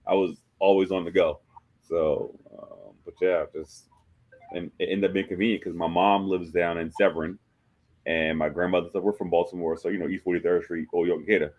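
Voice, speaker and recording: A man in his forties, a host, telling stories in a joking, animated way during a casual chat. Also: deep voice, moderate pace, lo-fi sound. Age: 40s.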